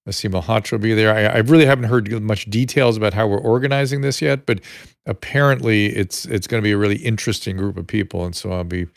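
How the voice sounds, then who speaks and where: Give me a low-voiced older man hosting a relaxed live chat, gravelly and halting. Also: no echo, studio quality. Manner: relaxed, halting with frequent fillers. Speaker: host. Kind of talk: casual live audio chat.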